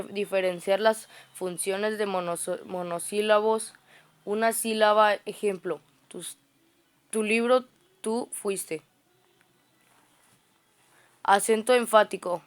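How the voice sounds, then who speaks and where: A woman's voice: mid-range voice, fairly even intonation, slow pace, long pauses, clean tone. A woman reading grammar study notes aloud, often stumbling and restarting words. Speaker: student reciting study notes.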